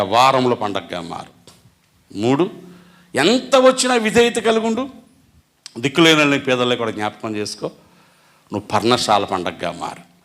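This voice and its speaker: A man with a Telugu accent preaching a sermon as pastor, asking the congregation questions and moving between loud emphatic lines and soft low ones.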